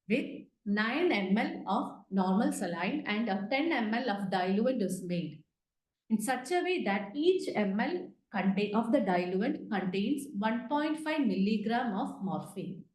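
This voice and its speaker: A woman with a slightly high, darkish voice leads an interactive medical lecture by video call, asking her learners questions along the way. She's indoors in a virtual class, and the audio has a roomy echo.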